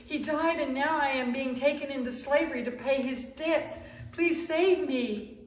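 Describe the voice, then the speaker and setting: Brief: woman reading as a frightened young woman, higher and pleading, echoey hall. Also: unhurried, slight background noise. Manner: pleading, raised and urgent. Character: desperate young woman facing slavery.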